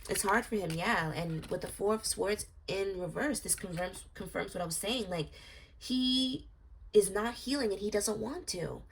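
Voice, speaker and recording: A woman's voice: medium pitch, moderate pace, vocal fry, a little hiss or hum. A young woman doing a casual tarot reading vlog, talking in a rambling, confiding way with lots of fillers. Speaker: tarot reader.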